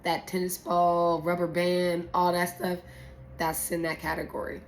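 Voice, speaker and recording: In an echoey room with a little background noise, a woman runs a blind wine tasting as a sommelier, casually explaining things to camera with playful slang and cursing. Her fairly low voice is monotone and a little slow.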